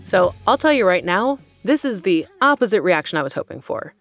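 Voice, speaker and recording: A woman's voice: mid-range voice, big pitch swings, a little fast, soft background music. A woman in her thirties hosting a podcast, mixing scripted narration with casual talk. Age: 30s. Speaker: podcast host.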